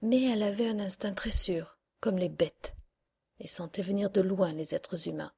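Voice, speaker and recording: A woman narrating a fairy tale audiobook in a soft, hushed storytelling manner. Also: mid-range voice, normal speed, vocal fry, slightly rough. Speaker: audiobook reader.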